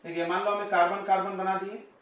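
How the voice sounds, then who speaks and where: A male coaching-class teacher giving a chatty chemistry lesson, joking with his students and firing quick questions at them. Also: sits high, little pitch movement, a bit bright, dull audio. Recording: very echoey classroom, distant mic.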